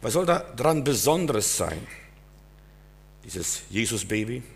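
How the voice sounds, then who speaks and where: A man's voice: mid-range voice, big pitch swings, slow, vocal fry, a little hiss or hum. A man leading a Christmas Eve service as pastor, praying and preaching earnestly with rhetorical questions. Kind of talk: sermon. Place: church service.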